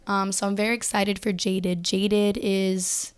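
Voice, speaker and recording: A woman's voice: medium pitch, little pitch movement, unhurried, clear, resonant tone. A woman singer guesting on a podcast, talking casually with many "like" fillers and some swearing. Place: podcast studio.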